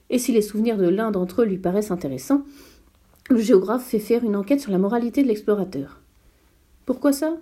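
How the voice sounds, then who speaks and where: A woman's voice: medium pitch, mellow, close to an everyday voice. A woman reading aloud and voicing a self-important old male geographer who lectures grandly. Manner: lofty, lecturing.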